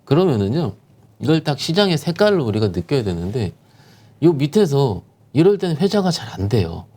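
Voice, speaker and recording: A man talks through the stock market with a lively, swooping voice, pressing his points with rhetorical questions. His tone is dark and mellow. He sounds like a securities professional giving a guest commentary. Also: medium pitch, fairly quick. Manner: animated, emphatic explanation with rhetorical questions. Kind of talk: explaining stock market conditions.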